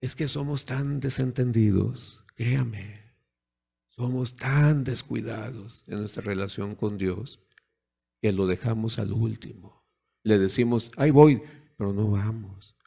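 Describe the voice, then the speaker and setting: With a lowish, warm, husky voice and some vocal fry, a man preaches slowly and steadily. His conversational sermon puts rhetorical questions to the congregation and mimics parents and children.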